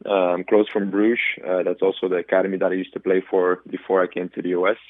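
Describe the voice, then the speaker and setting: Speaking by phone on a tinny line, this Belgian footballer in his twenties responds thoughtfully to a radio interviewer, often saying um and starting over. He talks fast in a low, completely flat voice, and there's no echo.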